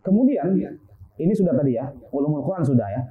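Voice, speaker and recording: A man's voice: a little high, big pitch swings, fast talker. A man giving a casual, explanatory religious lecture on Quran sciences, full of fillers and rhetorical questions, in an online class. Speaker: Islamic studies teacher. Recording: tinny phone-like line.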